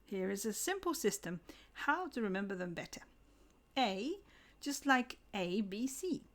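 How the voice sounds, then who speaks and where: A woman giving a scripted English lesson, slowing down to pronounce example words carefully. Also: medium pitch, very animated, fairly bright tone. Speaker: English teacher.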